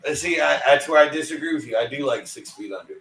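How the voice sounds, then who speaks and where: A man's voice: fairly high pitch, animated, fast talker, vocal fry, fairly bright tone. A man in his forties chatting casually in a laid-back, easygoing way. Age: 40s. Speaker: podcast co-host. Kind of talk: casual chat. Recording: roomy echo.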